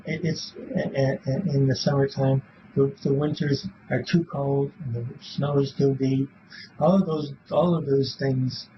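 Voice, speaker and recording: His voice now mid-range and steady, the man in his seventies keeps answering polygraph questions haltingly and casually, repeating words and trailing off. Born in Belfast, Northern Ireland, and brought up in Illinois from age seven, he is recorded in a small police interview room on muffled, noisy audio.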